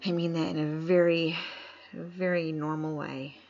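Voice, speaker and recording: A chatty woman streamer from upstate New York plays a game during a casual live stream, laughing often and reading chat aloud. Her voice sits low and darkish with little pitch movement, and she speaks unhurriedly. Her lo-fi mic sounds dull, with faint music underneath.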